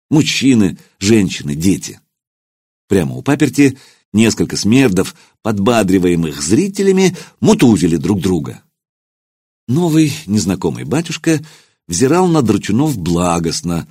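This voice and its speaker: A man narrating an audiobook with expressive storytelling. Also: fairly low pitch, husky, no room sound, clean studio sound.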